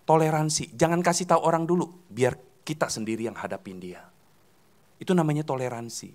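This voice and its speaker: In a church hall, a pastor preaches a sermon, posing questions to the congregation and answering them himself. His voice runs on the high side and a little fast, swinging between loud, emphatic calls and soft, dropped endings.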